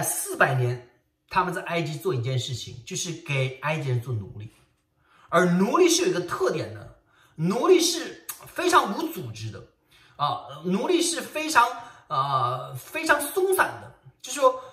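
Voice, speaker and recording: A man from Northeast China, preaching a sermon as a pastor in an animated, emphatic way with many stammered restarts. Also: a little high, recorded from a distance. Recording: echoey room, voice set back from the mic.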